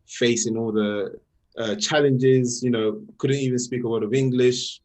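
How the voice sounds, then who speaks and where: A young man from Sweden, a guest artist talking about his work in a casual interview, halting and repeating words as he explains. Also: medium pitch, steady tone, a little mellow.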